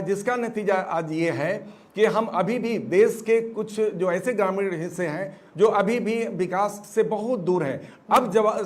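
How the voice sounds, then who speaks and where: High-pitched Indian man, halting panel commentator. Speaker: debate panelist. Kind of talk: political commentary on a TV debate.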